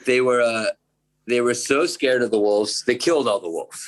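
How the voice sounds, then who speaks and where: A man's voice: medium pitch, moderate pace, poor audio. A man in his thirties from the United States, chatting casually on a podcast, rambling with lots of fillers and swearing. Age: 30s. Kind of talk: casual chat.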